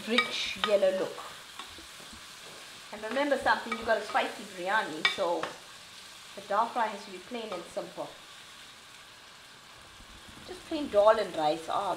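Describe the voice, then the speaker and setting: A cooking show host, a middle-aged woman with a South African Indian English accent and a mid-range voice, gives a casual recipe demonstration in her home kitchen. She chats reassuringly throughout the cooking. Echo and frying sounds fill the recording.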